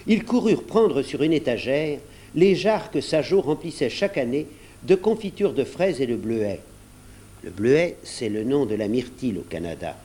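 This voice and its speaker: A man narrating a children's storybook aloud in an expressive, varied storytelling manner. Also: medium pitch, normal speed. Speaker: audiobook narrator. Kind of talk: storybook read aloud from cassette.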